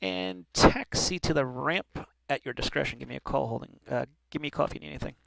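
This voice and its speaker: A man's voice: fairly high pitch, quick pace, gravelly, a bit bright, no echo. A man working as an air traffic controller, giving clipped formal instructions with occasional informal asides. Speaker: air traffic controller in online flight simulation.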